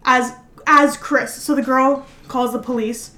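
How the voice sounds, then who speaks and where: A woman co-hosting a casual podcast, retelling a story rapidly and animatedly, peppered with "like" and swearing. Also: high voice, steady tone, pushed and bright. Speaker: podcast co-host. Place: indoor room, drinking with friends. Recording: echoey room.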